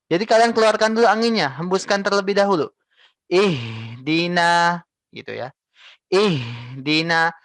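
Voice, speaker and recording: A young man teaching Quran recitation, patiently repeating and modelling each syllable slowly. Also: high voice, fairly bright tone, no echo. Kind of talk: tajweed lesson with recited examples.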